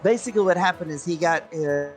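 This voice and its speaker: A man's voice: a little high, faint music behind. Man on a crackly, cutting-out mic. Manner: halting, searching for words. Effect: crackly mic that keeps cutting out. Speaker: fellow player on voice chat. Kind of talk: casual gaming chat.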